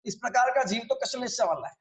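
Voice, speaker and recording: Very high-voiced man teaching scripture. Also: quick pace, echoey room. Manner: conversational, keeps checking in with listeners. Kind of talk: explanatory religious class.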